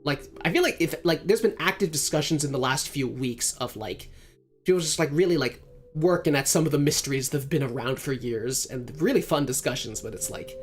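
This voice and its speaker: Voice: medium pitch, animated, fairly quick, faint music behind. A person hosting a casual visual novel read-through, talking in rambling sentences full of filler words. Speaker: streamer reading a visual novel. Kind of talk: casual let's-play chat and reading.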